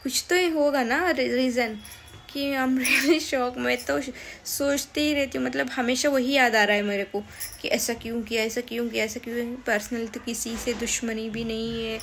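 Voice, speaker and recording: Young woman vlogger, slightly high pitch, hesitant and upset delivery, faint ambience. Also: gravelly, a bit bright, slight background noise. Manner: hesitant, upset, full of fillers and restarts. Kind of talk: casual vlog talk to camera.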